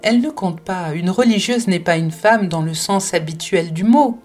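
A woman's voice: lowish voice, moderate pace, a little mellow, soft background music, lightly acted. A woman voicing a spirited, passionate French woman in an audiobook, talking emphatically and with many exclamations. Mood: emphatic. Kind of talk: audiobook character reading.

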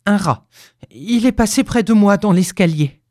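A woman's voice: medium pitch, animated, moderate pace, a little mellow, no room sound, studio quality, voice pushed up, lightly acted. A woman voicing a terrified old man who speaks in a strangled, trembling voice. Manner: teeth-chattering, strangled.

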